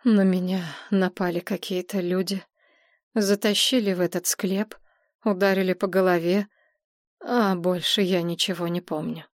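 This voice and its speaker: A woman voicing a shaken, hoarse male historian who talks slowly and apologetically in an audiobook. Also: on the low side, fairly even intonation, no echo, clean studio sound, natural voice. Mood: flustered. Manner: slow, apologetic, babbling.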